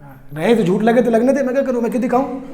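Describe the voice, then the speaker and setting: A man's voice: very high voice, expressive, racing, dark tone. An Indian man teaching a chemistry class, counting aloud, quizzing the students and teasing them playfully. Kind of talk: classroom lecture. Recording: echoey classroom.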